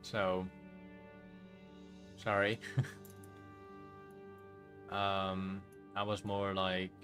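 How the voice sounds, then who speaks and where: A Dutch-accented man talks slowly and a little low while he plays, drifting between thoughts and correcting himself mid-sentence. Faint game music sits behind his voice. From Netherlands. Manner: relaxed, rambling, self-correcting. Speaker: streamer. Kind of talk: casual game stream chat.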